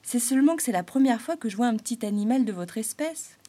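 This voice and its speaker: A woman's voice: on the high side, animated, fast talker, mellow, voice pushed up. A woman voicing a cheerful male harlequin spirit bouncing on a spring, exclamatory and eager in a storybook reading. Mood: delighted.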